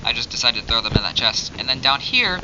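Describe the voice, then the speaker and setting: Guy rambling through his minecraft let's play, dull cheap mic, loud hiss behind. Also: medium pitch, big pitch swings, fast talker. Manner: chatty, rambling, easily exasperated. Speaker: gamer narrating his Minecraft series. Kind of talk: casual gameplay commentary.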